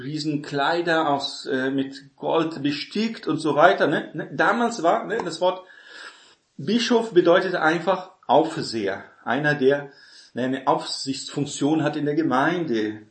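A man of middle pitch preaches through a Bible passage, explaining it step by step and tagging nearly every point with a quick question to his listeners. His delivery is loose and conversational, full of restarts. The sound carries a strong echo from the room. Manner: explanatory, frequent "ne?" tag questions, many restarts. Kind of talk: Bible teaching sermon. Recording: echoey room.

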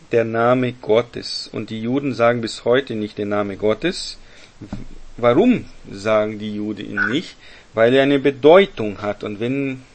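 Slow-speaking man leading a Bible study. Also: mid-range voice. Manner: explains step by step, often ending with "ne?". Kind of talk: Bible teaching to a group.

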